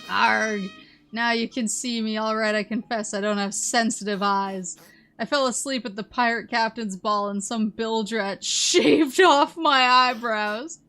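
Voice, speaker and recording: A woman's voice: fairly high pitch, fairly even intonation, measured pace, sharp tone. A woman voicing a vain, blustering pirate captain from a video game, with theatrical pirate talk. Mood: sheepish, dramatic. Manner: theatrical pirate speech with "yar" and "arg". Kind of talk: reading video game dialogue aloud in character. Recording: music playing behind the voice.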